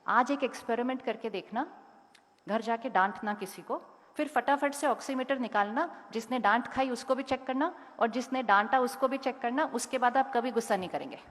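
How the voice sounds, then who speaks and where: A woman's voice: fairly high pitch, normal speed. Woman speaker in an echoing hall. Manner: directly questions and instructs the audience. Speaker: motivational speaker. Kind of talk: talk to a school audience. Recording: long hall reverb.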